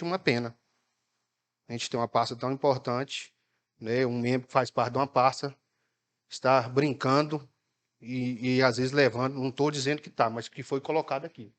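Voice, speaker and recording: A man with a Minas Gerais Brazilian accent, speaking as a city councilman in a formal session, halting and measured, with many fillers. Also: medium pitch. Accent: Brazilian Portuguese, Minas Gerais. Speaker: city councilman questioning officials. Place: municipal council chamber.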